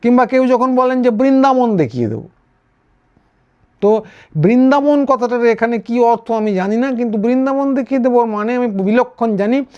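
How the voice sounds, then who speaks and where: High-pitched guy doing wry political commentary, dull lo-fi sound. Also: expressive, normal speed, darkish tone, clear, resonant tone. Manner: wry, sarcastic, with frequent hesitations and restarts. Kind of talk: casual political commentary monologue. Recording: dull, lo-fi recording.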